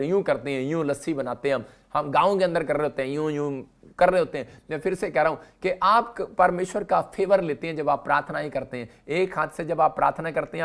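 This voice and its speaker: High, gravelly-voiced male preacher. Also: fairly bright tone. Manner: repeats "he is saying", emphatic preaching rising to exhortation. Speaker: pastor. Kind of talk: sermon.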